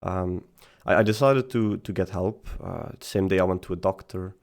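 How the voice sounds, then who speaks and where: A young man speaking unscripted, halting and repeating words as he tells a personal story, tearful at times. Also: deep voice. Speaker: vlogger.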